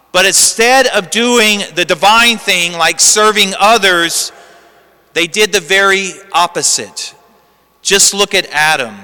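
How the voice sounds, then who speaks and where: A male priest speaks from the pulpit with long cathedral reverb trailing his words. His voice is fairly high, bright and clear. He preaches with measured emphasis and deliberate pauses. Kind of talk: homily and Gospel reading. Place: large reverberant church.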